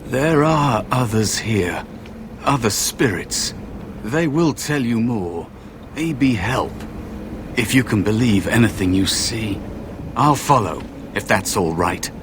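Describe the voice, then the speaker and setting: An actor playing a wary, sorrowful spirit of a lost young apprentice in a fantasy video game, hesitant and cautionary. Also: male voice, lowish voice, lively intonation, takes it slowly, background noise.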